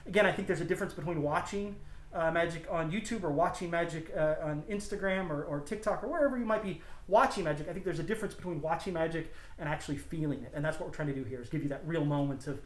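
A man in his thirties, a magic shop owner, talking casually about his shop and doing card-trick patter with playful, deadpan jokes. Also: fairly high pitch, fast. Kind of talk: casual demonstration and interview. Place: inside a small shop, indoors. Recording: echoey shop room with faint background noise.

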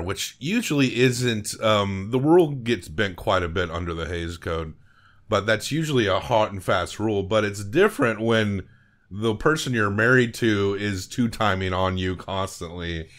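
Man in his thirties, lowish voice, casual film chat, home studio desk mic. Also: normal speed. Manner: relaxed, chatty, informal. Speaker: podcast co-host. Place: small home studio room. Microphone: desk microphone.

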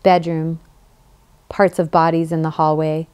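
A woman reading a novel aloud as an audiobook narrator, measured and vivid. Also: low-pitched, level tone, a little mellow. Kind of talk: scripted narration.

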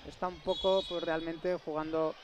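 A woman giving live basketball analysis as color commentator, thoughtful and halting, with many fillers. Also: sits low, flat delivery, noisy background.

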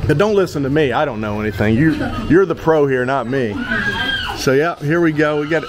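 A man in his fifties with an American accent hosts a casual handheld vlog, his voice on the high side and fairly quick as he jokes and rambles informally. He moves between a tiled room and an open-fronted home shop, filmed on an action camera held at arm's length, so the audio is noisy.

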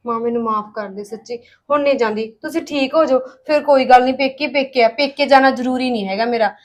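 Young actress as a daughter-in-law, earnest, apologetic, quick, high-ish voice. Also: female voice, natural voice, poor audio. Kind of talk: village family short-film acting.

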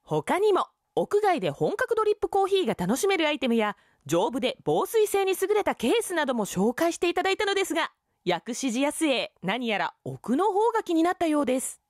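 A woman with a very high voice narrates a variety show in scripted voice-over. She announces brightly, her pitch lilting up and down. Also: sing-song, a little fast, dry recording.

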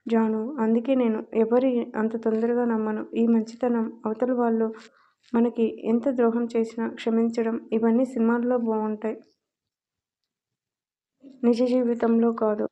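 A woman voicing a calm, protective young husband who speaks in a serious, reassuring way in an audio story. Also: very high-pitched, a little slow, lo-fi sound.

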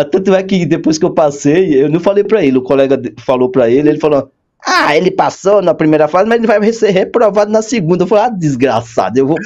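A man with a fairly high voice tells his story in a chatty interview, leaping up in pitch whenever he acts out what someone said to him. The sound is a bit muffled and lo-fi. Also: quick pace. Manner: animated storyteller, acts out quoted dialogue with big pitch jumps. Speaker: guest, court clerk.

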